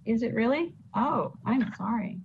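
A woman project manager gives a hesitant status report in a meeting, full of fillers, as her connection keeps cutting in and out. Her voice sits on the high side with lively intonation and a slightly slow pace. Picked up by a computer mic on a video call, the audio sounds tinny with faint noise.

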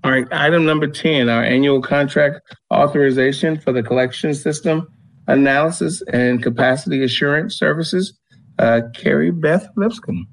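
A man's voice: a little high, moderate pace, gravelly, low-quality recording. A man chairing a formal commission meeting in an easygoing way, with brief procedural prompts. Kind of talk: running a formal meeting, informal asides.

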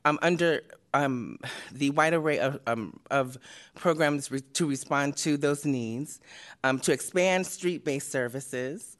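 A winded woman works her way through a committee presentation at a public meeting. She stumbles and restarts, filling the gaps with ums as she catches her breath. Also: sits low. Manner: breathless, halting with many fillers. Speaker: committee member. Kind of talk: reading a presentation.

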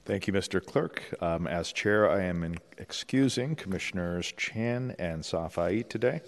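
A man chairing a formal public board meeting, speaking in a measured, procedural way with frequent "uh" and "um". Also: sits low, expressive. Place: large legislative chamber. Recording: long reverb of a large chamber.

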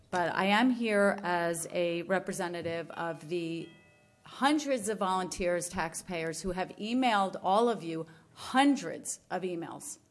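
A woman's voice: on the low side, fairly bright tone. A woman giving public comment at a county budget hearing, an elected official who is angry and struggling to stay composed. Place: county commission chamber.

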